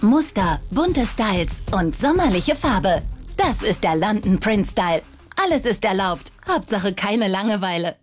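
A woman reading scripted voice-over narration for a fashion segment in a smooth, even presenter manner. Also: medium pitch, a little slow. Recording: voice-over with music bed.

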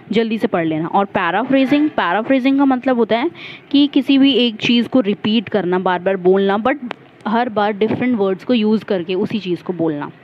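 A woman's voice: medium pitch, dull audio, a little hiss or hum. A woman teacher walking through exam questions, explaining each term step by step and stopping to correct her own slips. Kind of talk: exam-prep lesson.

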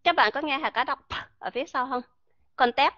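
Female classroom teacher who quizzes students and refers to herself by name; slightly high voice; muffled, dry recording. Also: fast, pushed and bright, dry recording. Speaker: English pronunciation teacher. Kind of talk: classroom lecture.

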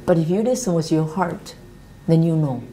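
A Taiwanese woman in her fifties, with a Taiwanese accent, speaking earnest, halting English with restarts as she tells her life story, seated in an office meeting room. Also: low-pitched, mellow, low-quality recording. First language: Mandarin Chinese. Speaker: interviewee. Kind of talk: reflective life-story interview.

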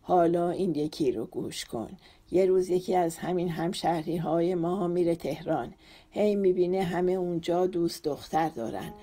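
A woman's voice: fairly low pitch, fairly even intonation, warm tone, lightly acted. A woman voicing a playful, affectionate young husband who jokes and then speaks tenderly, in an audiobook. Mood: teasing. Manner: teasing joke-telling, then tender.

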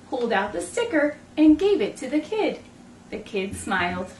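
Standing in front of a backdrop indoors, a storytime host in her thirties reads a picture book to preschool children. Her high voice is expressive, and she paces each line slowly and clearly for young listeners. A distant microphone gives the audio a roomy sound along with some faint noise.

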